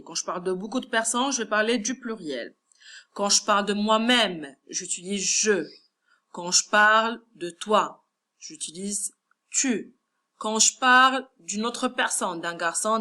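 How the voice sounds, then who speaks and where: A first-grade teacher with a Moroccan French accent speaks in a mid-range, bright, pushed voice. She patiently sounds out words syllable by syllable while correcting her class during a lesson.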